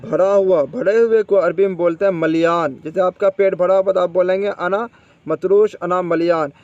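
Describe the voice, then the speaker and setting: A man's voice: high-pitched, steady tone, normal speed, a little mellow, muffled recording. A man teaching spoken Arabic vocabulary, repeating each word and quizzing the listener.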